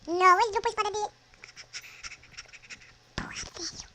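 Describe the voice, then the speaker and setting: Brazilian woman gamer, high lively voice, swears and yells at the game, noisy recording. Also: a little fast. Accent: Brazilian Portuguese. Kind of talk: casual gameplay commentary.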